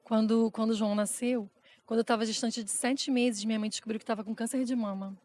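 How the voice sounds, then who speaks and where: A woman co-hosting a casual podcast chat, telling family stories in a lively, animated way. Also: a little high, fast talker. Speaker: podcast co-host.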